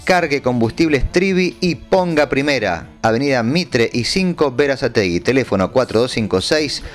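A man's voice: medium pitch, lively intonation, moderate pace. Male announcer for a local business ad, salesy, faint music underneath. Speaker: advertising announcer.

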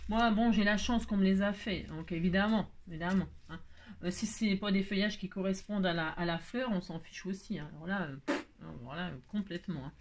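A woman's voice: mid-range voice, brisk. A woman with a French accent hosting a card-making tutorial, chatting and thinking aloud as she works, with frequent delighted exclamations. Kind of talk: casual crafting tutorial.

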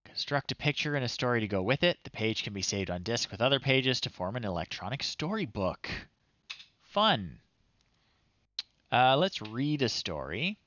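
Very animated and sharp-toned, a livestream host in his thirties thinks aloud and mutters short phrases while casually trying old software in a small room at home. His voice is mid-range and his pace moderate. The recording is dry and lo-fi.

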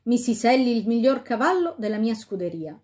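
A woman's voice: a little high, very animated, moderate pace, warm tone, pitched above the performer's own voice. A woman voicing an anxious fairy-tale king, calling out urgently.

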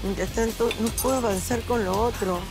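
A woman's voice: fairly high pitch, brisk, music in the background. A woman competing on a cooking show, talking in an anxious, pleading way. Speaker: celebrity contestant. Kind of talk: casual talk while cooking.

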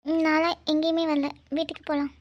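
A woman's voice: high voice, level tone, quick pace, highs cut off. A woman voicing dramatic, emotional cartoon dialogue. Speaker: cartoon voice actor.

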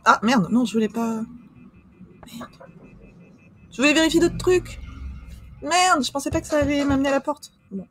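A woman casually commenting on a game as she plays, excitable and swearing in her reactions. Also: high-pitched, normal speed, pauses often, slight background noise. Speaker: streamer. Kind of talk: casual let's play commentary. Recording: game sound echoing behind.

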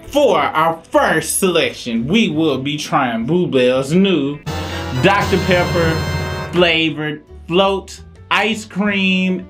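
A man's voice: fairly high pitch, fairly bright tone. A middle-aged man, a dad hosting a casual ice cream review, talking in a playful, teasing way. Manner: playful, teasing, sing-song outbursts. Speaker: host, dad. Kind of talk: casual food review chat. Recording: faint guitar music behind.

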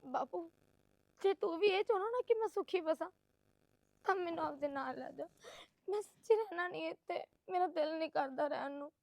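A woman's voice: very high voice, a little fast, gravelly, a little mellow, dry recording. An actress playing a young wife who insistently pleads that she has been wronged. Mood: pleading. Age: young adult.

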